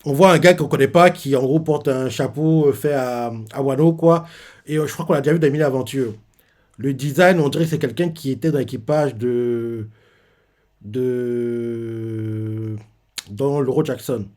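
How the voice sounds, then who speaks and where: A man hosting a live reaction to a manga chapter, retelling it in an animated way with lots of fillers. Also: mid-range voice, normal speed.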